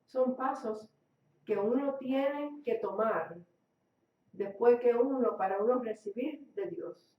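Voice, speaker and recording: A woman's voice: fairly high pitch, slow pace. A woman preaching a sermon for a radio program, speaking emphatically and repeating key phrases. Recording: echoey, distant, dull lo-fi recording.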